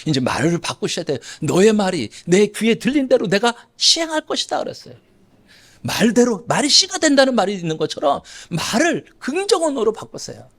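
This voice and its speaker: A man's voice: sits high, wildly swooping pitch, brisk. A middle-aged man preaching a Sunday sermon as a pastor, emphatic and repeating key phrases as he speaks to the congregation.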